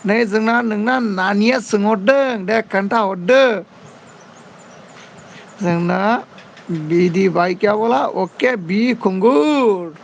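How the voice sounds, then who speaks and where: A man's voice: high-pitched, slow pace, creaky, pauses often, slight background noise. A man chatting casually on a livestream, reading out viewer comments and pleading for comments and friend requests. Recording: dull lo-fi sound.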